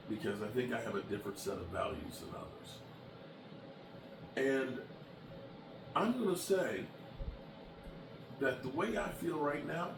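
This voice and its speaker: Blunt man in his late fifties, roomy. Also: medium pitch. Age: 50s. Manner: blunt, emphatic, heartfelt. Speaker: sports vlogger. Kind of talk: casual chat to camera. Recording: echoey room from a distance with background noise.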